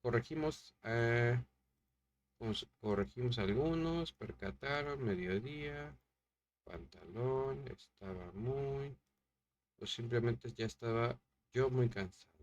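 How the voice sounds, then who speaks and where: A man hosting a writing lesson, thinking aloud while editing a story and then reading it out, with hesitant, drawn-out words. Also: mid-range voice, dull audio. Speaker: podcast host teaching story writing.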